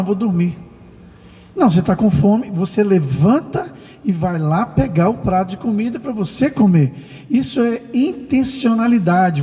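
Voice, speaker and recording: A man's voice: sits high, mellow. A male pastor with a Brazilian Portuguese accent preaching a sermon in a conversational way, often checking in with his listeners with tag questions. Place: church hall. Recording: long reverb of a church hall.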